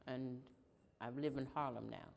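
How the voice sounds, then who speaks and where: A woman in her sixties from Long Island, New York, giving plain, unhurried answers in an oral history interview that trail off quietly. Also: rumbling low, steady tone, gravelly, a little hiss or hum. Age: 60s. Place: indoor room in downtown New York.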